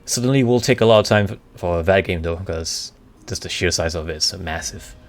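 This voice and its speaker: A man chatting casually on a live stream, answering questions in a halting way as he searches for the right words. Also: low voice. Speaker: streamer, VTuber. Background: background music.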